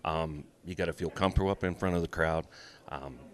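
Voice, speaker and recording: A man's voice: very deep voice, brisk. A middle-aged man with an American accent, talking casually in an interview in a plain-spoken, folksy way. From small-town southeastern Ohio, USA. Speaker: auctioneer, interview guest.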